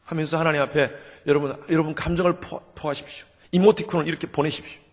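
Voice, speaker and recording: A middle-aged male pastor preaching at a revival meeting, lively and joking, having the congregation repeat after him. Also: a little high, fast. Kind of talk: sermon. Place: church sanctuary. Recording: long church hall reverb.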